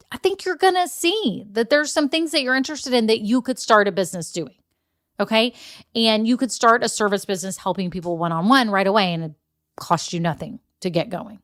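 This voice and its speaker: A woman's voice: medium pitch, no echo, clean studio sound. A woman, hosting a casual solo podcast, chatty and encouraging with frequent asides. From Texas. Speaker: podcast host.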